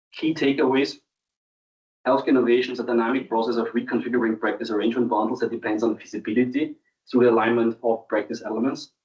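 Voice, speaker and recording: A man giving an academic thesis defence presentation in a hesitant, halting way, with frequent ums. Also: mid-range voice, a little mellow. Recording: distant mic, dull muffled sound.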